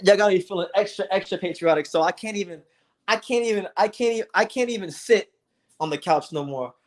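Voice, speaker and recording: A young man from South Florida hosting a casual livestream, talking in an animated way with lots of restarts and swearing. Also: fairly high pitch. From South Florida, USA. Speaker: livestream host. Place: home, sitting on a beanbag chair.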